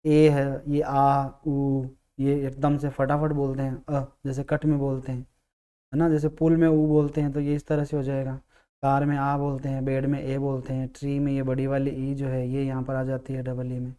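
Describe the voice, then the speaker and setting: A man teaching English grammar, explaining patiently, repeating key words and sounding out vowels slowly. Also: medium pitch, monotone, mellow, clean tone. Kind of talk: classroom-style explanation.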